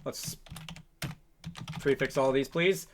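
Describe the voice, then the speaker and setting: Speaking slowly at a medium pitch, a male programming host who develops games talks through a casual tutorial off the cuff. His delivery is hesitant and meandering, full of self-corrections, set against the sound of typing and mouse clicks.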